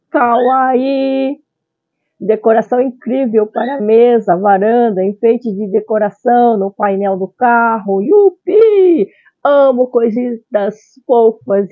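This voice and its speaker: A woman's voice: fairly high pitch, steady tone, unhurried, few pauses, no room sound, narrow, tinny audio. A middle-aged woman with a Brazilian accent hosting a vlog product showcase in a cutesy, exclamatory manner, sprinkling in Japanese phrases. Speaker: channel host. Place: small tiled room at home.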